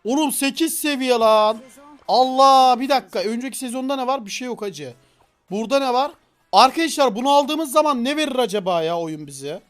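A man with a very high voice streams a game live, talking to his chat in quick, slangy bursts. He gets excitable and loud, breaks into shouts and laughs, and faint music plays behind him. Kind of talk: live gameplay commentary.

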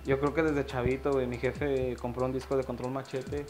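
A man's voice: mid-range voice, flat delivery, fairly quick. A young man, a rapper guest in a casual interview. He speaks in a laid-back, slangy way with drawled fillers, into a handheld mic in a small music studio. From Mexico. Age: 20s.

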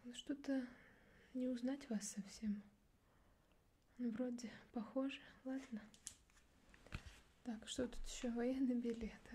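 A woman's voice: fairly high pitch, a little hiss or hum. Barely audible ASMR role-play, young woman. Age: young adult. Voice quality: soft soft voice, mostly unvoiced, barely audible. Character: gruff, disdainful female border guard inspecting a traveller. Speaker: ASMR performer playing a border officer. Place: small dark indoor studio setup.

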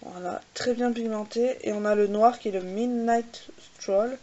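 On the high side and warm, her voice stays fairly even in intonation, heard through lo-fi sound. She hosts a laid-back makeup swatch vlog, pausing with "euh," repeating "voilà," and laughing at her own English pronunciation.

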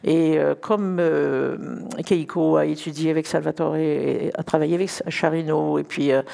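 A woman's voice: sits low, steady tone, normal speed, gravelly, warm tone. An older woman talking unscripted about music as an ensemble director, in hesitant stop-start phrases with repeated words. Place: large concert hall stage, indoors. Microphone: headset.

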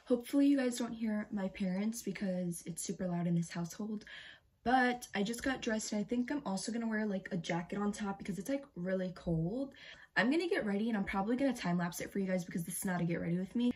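Speaking fast in a mid-range, darkish and slightly rough voice, a teenage girl vlogs her day from her bedroom. She addresses viewers directly through the camera in front of her, chatty and full of fillers.

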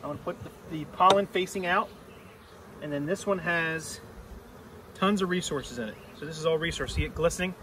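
A middle-aged man walks through a hive inspection out in a yard, explaining each step plainly as he works. His voice sits a little high for a man and comes from a few steps off the camera mic. A faint outdoor hum runs under him. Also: fairly quick. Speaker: beekeeper. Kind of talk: hands-on teaching demonstration. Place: outdoor apiary on a grassy yard. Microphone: camera mic a few steps away. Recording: distant outdoor camera audio.

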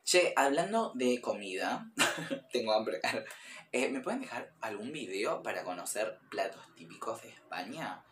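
A man's voice: mid-range voice, sing-song, measured pace, a bit bright, echoey room, slight background noise. A man with an Argentine accent giving casual reaction commentary, rambling with many fillers and speaking straight to his viewers. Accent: Argentine Spanish. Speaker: YouTube reaction host.

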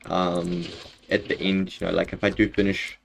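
A man's voice: deep voice, little pitch movement, moderate pace, vocal fry. A young man with a broad New Zealand accent chatting casually on a game stream in a laid-back, matey way, often saying bro. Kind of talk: casual live-stream chat while gaming. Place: bedroom, indoors.

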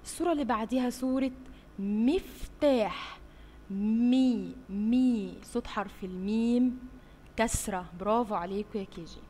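A woman teaching young children in an Egyptian Arabic accent, slowly sounding out letters and praising them often. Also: on the high side, darkish tone. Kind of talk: slow drawn-out phonics lesson for young children. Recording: roomy with long reverb, faint hiss.

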